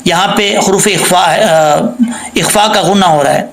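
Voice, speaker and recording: A man teaching Quran recitation rules, spelling out letters and vowel marks and then reciting words slowly and drawn out, sometimes asking and answering his own questions. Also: high-pitched, creaky, fairly bright tone, echoey room, slight background noise, rough recording. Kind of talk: tajweed lesson with slow demonstrations.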